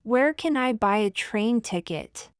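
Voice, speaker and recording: Woman, lesson read-out, very slow and careful, smooth clean voice, dry sound. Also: on the high side, animated, no echo. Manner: slow, deliberate, one phrase at a time. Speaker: language teacher. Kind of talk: reading example phrases for learners.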